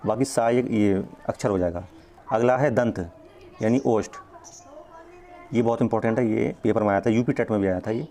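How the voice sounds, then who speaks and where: In an exam-prep grammar lesson, a man with a medium-pitched, dark voice explains things step by step. He draws out the sounds he demonstrates and checks in with learners often.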